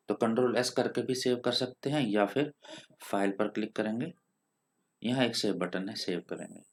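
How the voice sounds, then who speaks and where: A man with an Indian accent teaching programming step by step in a screen-recorded coding tutorial. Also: medium pitch. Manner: patient step-by-step explaining, mixes English terms.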